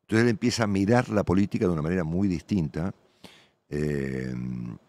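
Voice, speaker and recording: A middle-aged Argentine man, a veteran radio journalist, speaks with a deep, darkish voice at a normal pace, with no echo. In a long, casual interview he rambles in colloquial Argentine Spanish and keeps tossing in tag questions.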